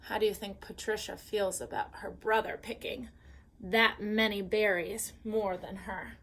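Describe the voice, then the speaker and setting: A woman reading a picture book aloud as a bedtime story, pausing to ask the listener questions. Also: mid-range voice. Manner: slow, gently expressive reading with questions to the listener.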